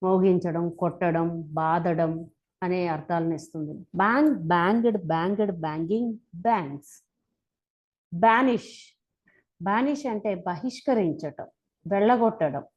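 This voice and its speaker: A woman with a Telugu accent teaching English verb forms, reciting each form one by one slowly and deliberately. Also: on the low side, a little mellow, dull audio. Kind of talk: slow spoken-English lesson.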